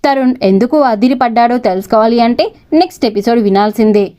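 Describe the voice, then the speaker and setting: A woman's voice: on the high side, fast talker, mellow. Woman narrating a serial story.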